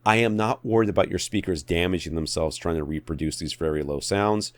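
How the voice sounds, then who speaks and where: Deep-voiced and fairly quick, the man co-hosting this podcast offers opinionated tech advice with blunt exasperation, stressing points by repeating them. No room sound can be heard.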